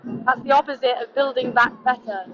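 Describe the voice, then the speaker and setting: A woman's voice: high voice, fairly even intonation, fairly quick, dull audio. A woman hosting a live stream, reporting and interviewing in a casual way outdoors. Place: outdoors at a protest. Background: crowd noise.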